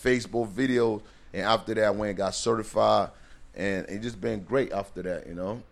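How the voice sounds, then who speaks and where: A man with a deep voice and a gravelly edge talks in a relaxed, storytelling way. His casual speech is full of streetwise slang. He is from Liberia and speaks as the guest in a casual interview. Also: normal speed. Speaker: personal trainer and bodybuilder guest.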